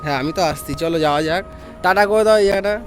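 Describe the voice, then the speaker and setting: A man's voice: high voice, racing, soft background music. A man vlogging casually outdoors who keeps repeating himself insistently. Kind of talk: casual vlog chat.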